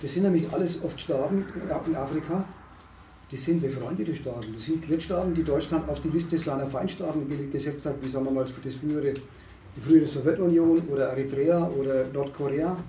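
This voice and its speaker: A man holding forth in a discussion, halting and restarting often, with emphatic rises. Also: a little high, mellow. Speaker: speaker at a discussion on asylum. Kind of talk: lecturing discussion talk. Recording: echoey room, distant mic, faint noise.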